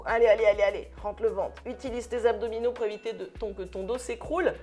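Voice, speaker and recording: A woman's voice: on the high side, fairly even intonation, warm tone, faint music behind. A French woman coaching a cardio boxing workout, calling out moves in short punchy cues and sometimes winded as she trains along. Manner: brisk, punchy cues while exercising along. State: out of breath at times. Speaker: fitness coach. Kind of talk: workout instruction.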